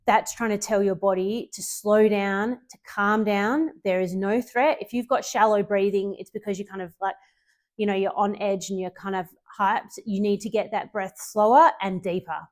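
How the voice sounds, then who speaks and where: A woman's voice: mid-range voice, steady tone, normal speed. A woman fitness coach giving a casual spoken tutorial to her clients, chatty and loose, with frequent ums and self-corrections.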